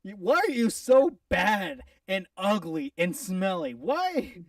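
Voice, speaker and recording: A man co-hosting a casual football prediction chat, playful and theatrical, swinging from loud outbursts to mutters. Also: high-pitched, very animated, a little slow, no room sound, far from the mic. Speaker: podcast co-host.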